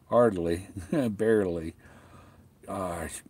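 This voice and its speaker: A middle-aged man chatting casually and haltingly, rambling along, with a slight whistle and the loose speech of missing top front teeth. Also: low-pitched, mellow, breathy edge, no echo. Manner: halting, rambling, often trailing off. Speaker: vlogger talking to viewers.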